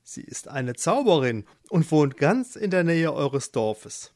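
A storyteller voicing a shy, hesitant female flamingo who speaks softly, for a children's storybook. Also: medium pitch, very animated, takes it slowly, no room sound, clean studio sound.

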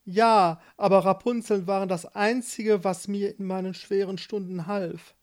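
A woman's voice: mid-range voice, steady tone, a little slow, darkish tone, voice pushed up, natural voice. Grieving mother, pleading and heartfelt; woman reads her.

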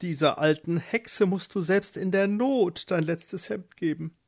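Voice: mid-range voice, measured pace, dry recording, studio quality, pitched above the performer's own voice. A storyteller voicing an impatient, pushy male mole who talks in an urgent, bossy way, for a children's storybook.

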